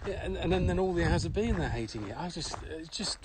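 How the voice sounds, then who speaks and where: Over a loud crowd, a male podcast co-host talks quickly and animatedly in a fairly high voice. The conversation is casual, but he's emphatic and opinionated, with repeated phrases. Clicks and clear background noise run through the recording.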